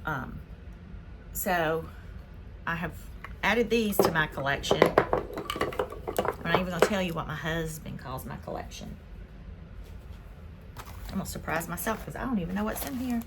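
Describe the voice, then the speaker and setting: A woman from Spain hosting a casual haul vlog, chatting excitedly as she unboxes her purchases. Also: fairly low pitch, measured pace, long pauses, heavy background noise. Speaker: vlog host.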